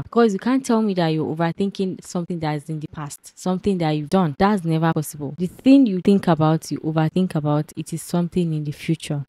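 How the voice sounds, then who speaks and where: A woman's voice: low voice, dark tone, no room sound. A young woman talking to camera in an earnest, repetitive motivational vlog, laughing now and then. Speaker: vlogger. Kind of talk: casual motivational vlog talk. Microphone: camera mic, speaking to camera.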